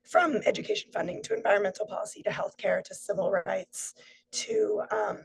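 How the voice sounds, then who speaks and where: Guest speaker, woman, voice worn hoarse and raspy, casual webinar talk, dry video-call audio. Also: mid-range voice, big pitch swings, brisk, no room sound, rough recording. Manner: earnest, conversational, many fillers. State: hoarse, losing her voice. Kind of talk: webinar presentation.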